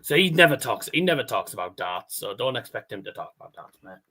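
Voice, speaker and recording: Man with a stutter and soft R's. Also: medium pitch, very animated, fast talker, husky. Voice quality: cannot pronounce R's, says w for r. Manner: casual, sweary, rambling. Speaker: livestream host. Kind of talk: casual watchalong chat and darts commentary.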